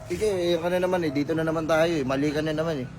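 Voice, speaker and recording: A man playing a street vendor in a comedy skit, answering with quick, defensive comebacks. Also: on the high side, fairly even intonation, darkish tone, a little hiss or hum.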